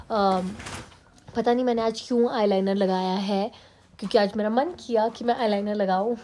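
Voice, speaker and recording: Young woman vlogger, hoarse from a sore throat, quick casual talk, higher voice, phone audio with no mic. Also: a little mellow. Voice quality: hoarse, lower than usual. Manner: fast, chatty, mixing English into her talk. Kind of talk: casual vlog talk to camera. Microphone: no mic, phone camera. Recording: no mic, faint background noise.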